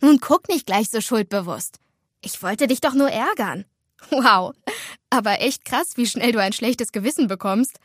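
A woman's voice: on the high side, expressive, dry recording, studio quality. Woman voicing a bubbly teasing teen girl. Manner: bubbly, quick, dramatic. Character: lively chatty teenage schoolgirl, teasing and playful. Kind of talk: storybook dialogue.

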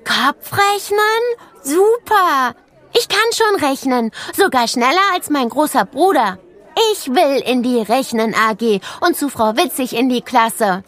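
A woman voicing a small schoolboy, high-pitched and excitable. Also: a little slow, hardly any pauses, full character voice. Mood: excited. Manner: excitable, squeaky and eager. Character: excited little schoolboy, proud of his maths.

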